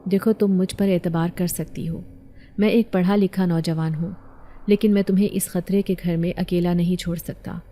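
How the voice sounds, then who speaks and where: A woman's voice: lowish voice, fairly even intonation, mellow, close to an everyday voice. A woman voicing an earnest, protective young educated man in an audio story, speaking urgently.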